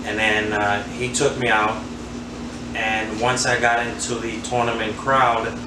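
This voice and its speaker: His voice fairly low and flat, a little slow, a Queens handball player in his 40s reminisces in a casual interview, relaxed and rambling with plenty of fillers. The distant mic leaves the recording roomy, off-mic, and noisy.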